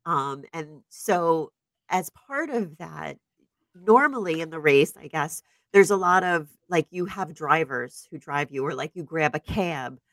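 A woman in her forties co-hosting a podcast, telling stories in an animated, casual way and laughing often. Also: low-pitched, a little slow, dry recording. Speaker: podcast co-host. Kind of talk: casual chat. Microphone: podcast microphone.

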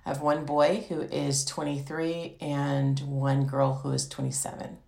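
A woman's voice: rumbling low, monotone, unhurried, vocal fry, a little mellow. A woman in her fifties from California, a guest mother, speaking earnestly. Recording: roomy echo.

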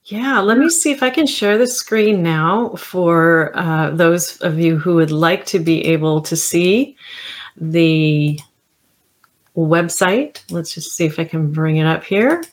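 A woman with a somewhat low voice hosts an online conversation. Her talk is casual and informal, like someone guiding a relaxed chat. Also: slow. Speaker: interview host. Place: online video call with screen sharing.

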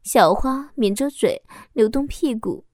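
Woman narrator, intimate first-person reading, bit high, dead dry sound. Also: lively intonation, a little slow, dark tone, dry recording. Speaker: audiobook narrator.

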